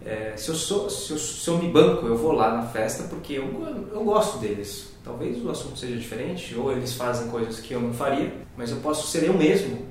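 A man with a Brazilian accent talking casually and reflectively, with halting starts and frequent tag questions. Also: animated, a little mellow. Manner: hesitant, frequent tag questions, grows amused while telling anecdotes. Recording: roomy, echoey, distant mic with low rumble.

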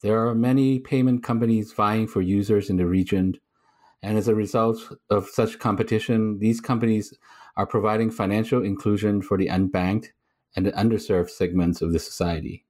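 Male podcast host, low voice, measured reads, stop-start questions. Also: fairly even intonation, a little mellow. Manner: measured reading, halting when asking questions. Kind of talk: read intro then interview questions.

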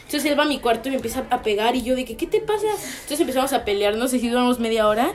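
Fast, high-voiced woman. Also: soft background music. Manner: animated storyteller, laughs often. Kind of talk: casual chat.

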